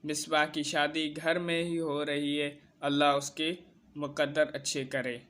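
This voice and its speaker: A man with a fairly high, bright, forceful voice tells a personal story in the first person. His delivery is steady and earnest, one event after another. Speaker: narrator.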